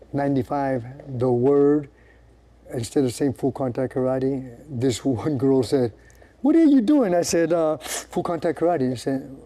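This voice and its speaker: A man's voice: mid-range voice, warm tone. An older man, a martial arts instructor, talking casually, showing moves and acting out the people in his stories. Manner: demonstrates moves while talking, acts out quoted people. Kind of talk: casual teaching chat.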